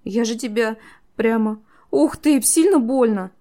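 A woman's voice: on the high side, measured pace, mellow, pitched above the performer's own voice. A woman voicing a frightened, tearful young woman who speaks in anxious outbursts. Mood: shocked.

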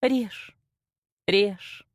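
A woman voicing a meek young queen, a mother who quietly gives in to her fate in a storybook. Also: medium pitch, drawn-out words, dry recording, clean studio sound, pitched above the performer's own voice. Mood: resigned. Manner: quiet, resigned.

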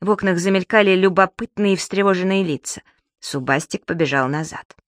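A woman's voice: lowish voice, brisk, no echo, studio quality. Woman reading a children's audiobook. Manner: even, storytelling delivery. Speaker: audiobook reader. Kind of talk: audiobook narration.

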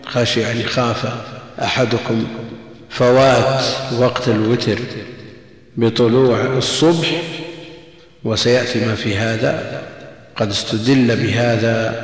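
Man teaching in an echoing hall. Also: medium pitch. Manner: measured, repeats key phrases, poses rhetorical questions. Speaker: religious lecturer. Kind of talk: classical text commentary lesson. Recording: very echoey long hall reverb.

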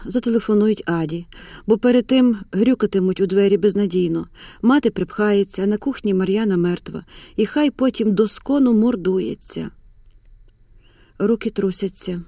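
Woman narrator, audiobook, hushed, measured, mellow tone, dry close mic. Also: mid-range voice, no echo.

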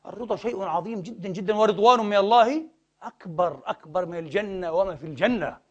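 A male preacher delivers a sermon at a rapid clip. His voice sits high, and he drives his points home by firing rhetorical questions and repeating key words. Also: breathy edge, highs cut off. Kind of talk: sermon lecture to a congregation.

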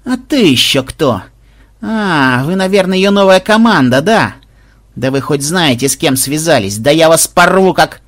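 A rude, hot-headed young pilot, as a male reader puts him on, shouting insults and boasts over the radio. His husky voice is loud and lively. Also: a little high, measured pace. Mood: aggressive.

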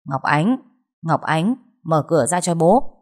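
A woman's voice: low voice, animated, measured pace. A woman voicing a middle-aged father who gives urgent, stern commands, in a spoken story. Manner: urgent, shouting orders.

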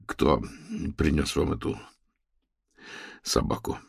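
A man as a quietly seething police major. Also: steady tone, slow pace, vocal fry, husky, no room sound, full character voice. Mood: cold anger. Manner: low, quiet and clipped.

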